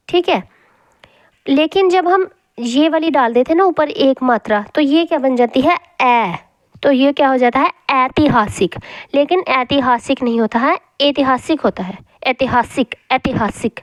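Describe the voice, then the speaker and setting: A woman teaching a Hindi grammar lesson, speaking slowly and repeating each word as she drills spellings aloud. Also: high voice, no room sound. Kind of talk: classroom lesson explaining spelling.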